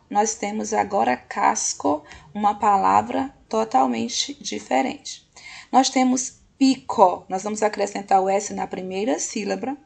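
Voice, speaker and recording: Woman teacher, husky and gravelly, patient lesson delivery. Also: medium pitch. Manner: patient, slow, often checks in with "ok?". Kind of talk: recorded classroom lesson.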